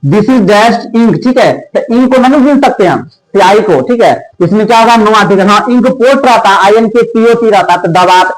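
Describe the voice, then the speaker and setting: Man teacher, high voice, drills exam grammar, keeps checking "theek hai" and firing quiz questions. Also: poor audio. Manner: repeats "theek hai" often and quizzes the listener with rhetorical questions. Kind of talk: exam-prep grammar lesson.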